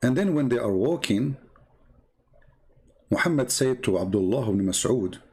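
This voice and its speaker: On a shortwave radio talk, a show host who comments on religion explains things informally in English, which isn't his first language. He has a medium pitch, lively intonation and a moderate pace, with a slightly mellow, breathy quality, and he drives points home didactically by repeating himself.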